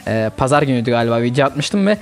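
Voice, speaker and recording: A young man hosts a gaming channel, chatting casually and reacting with excitement as he plays a mobile fighting game. His voice is medium-pitched and his delivery rapid-fire.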